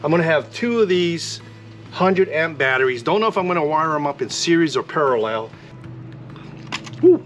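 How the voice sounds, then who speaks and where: A man vlogging a casual product demonstration, talking in a relaxed, rambling way with frequent fillers. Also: a little high, moderate pace, long pauses. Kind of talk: casual product demo vlog.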